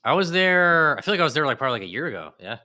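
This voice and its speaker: A man talking as a podcast guest in a casual conversation, lively and enthusiastic, with animated asides. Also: a little high, rapid-fire.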